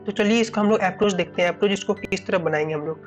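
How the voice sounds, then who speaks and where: A man's voice: sits high, fast, soft background music. A man teaching a coding problem step by step, thinking aloud, often repeating "ठीक है" and restarting phrases. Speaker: coding tutor.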